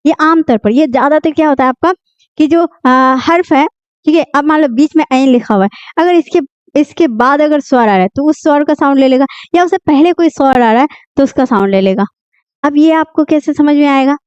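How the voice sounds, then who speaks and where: A woman teaching a beginner Urdu lesson, repeating each word slowly and asking and answering her own questions. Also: high voice, no room sound. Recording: dull lo-fi dry sound.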